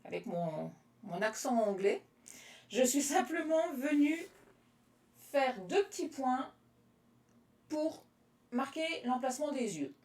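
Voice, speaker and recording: A woman from France demonstrating card-making on a live stream, chatting with viewers by name between steps in a relaxed way. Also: high voice, takes it slowly, pauses often. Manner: chatty and relaxed, answers live comments by name, laughs often. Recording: roomy echo, voice from a distance.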